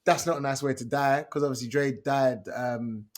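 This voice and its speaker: A man co-hosting a podcast, excitable and full of slang in casual chat. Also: mid-range voice, normal speed. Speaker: podcast co-host.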